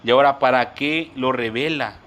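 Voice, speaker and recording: A man's voice: medium pitch, moderate pace, a bit bright, dull audio. A man teaching a church Bible study, repeating his points and often calling the listeners brothers. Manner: repetitive, addresses listeners as brothers; explains word by word, spells terms out.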